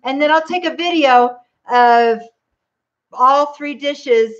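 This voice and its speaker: Woman, grandmother, high voice, chatty cooking livestream, home kitchen, dull lo-fi audio. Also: takes it slowly. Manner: chatty, talks straight to viewers. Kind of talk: casual livestream chat while cooking.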